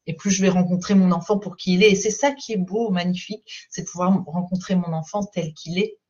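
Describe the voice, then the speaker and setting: A woman parenting coach giving a live-streamed talk. She explains calmly and patiently and keeps checking in with her viewers. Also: fairly low pitch, fairly quick, dull audio.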